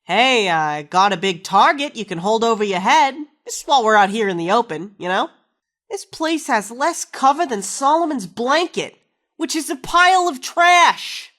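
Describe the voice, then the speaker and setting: A woman's voice: a little high, a bit bright. An actress playing a wisecracking, foul-mouthed woman companion in a video game, sarcastic and slangy. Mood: wry, exasperated.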